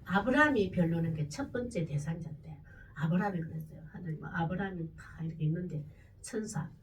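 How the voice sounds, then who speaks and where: A woman pastor delivering a sermon, preaching with sudden loud, emphatic bursts. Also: on the low side, lively intonation, a little fast, distant mic, a little hiss or hum, low-quality recording.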